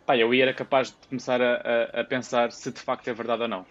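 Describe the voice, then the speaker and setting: A man's voice: medium pitch, level tone, fast talker, fairly bright tone. A young man from Portugal with a European Portuguese accent, chatting casually and rambling with many fillers. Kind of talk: casual chat. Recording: dull lo-fi sound.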